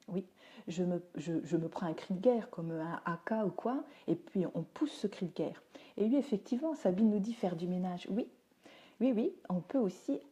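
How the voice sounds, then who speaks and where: A woman with a low, slightly mellow voice gives a casual live talk as a teacher and parenting speaker. She fields viewer comments along the way, speaking in an easygoing manner with plenty of fillers, recorded on a phone or webcam.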